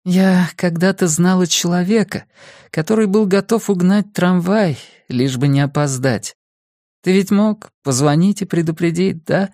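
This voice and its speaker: A man's voice: darkish tone, no room sound, studio quality. A male audiobook reader voicing an emotional, scolding middle-aged mother who exclaims readily. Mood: reproachful. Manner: shrill, emotional, quick to exclaim. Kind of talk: audiobook character voice.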